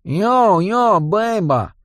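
A man's voice: sits high, very animated, slow pace, fairly bright tone, no room sound, voice pushed up, exaggerated voice. A man doing a nasal, swaggering goblin. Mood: mocking. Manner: brash, slangy, mocking.

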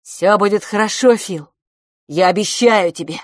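A woman's voice: medium pitch, moderate pace, no echo, studio quality, pitched above the performer's own voice, close to an everyday voice. A woman voicing Franciscus, a frightened and loyal boy who pleads urgently and tearfully. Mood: pleading.

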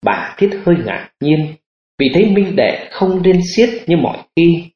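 A man narrating an audiobook in an expressive storytelling manner. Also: on the high side, measured pace. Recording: roomy lo-fi audiobook recording.

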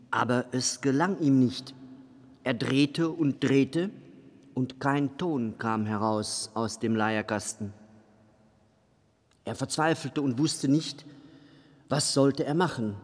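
A man reading a fairy tale aloud in a measured storybook narration. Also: mid-range voice, darkish tone. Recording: long reverb with faint music behind.

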